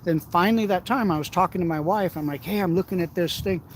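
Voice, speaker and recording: A man's voice: high-pitched, fast, slight background noise. Profane, rambling middle-aged man outdoors. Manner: profane, rambling anecdotes with frequent laughs. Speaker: outdoors vlogger. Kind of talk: casual storytelling while shore fishing. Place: outdoors by the water.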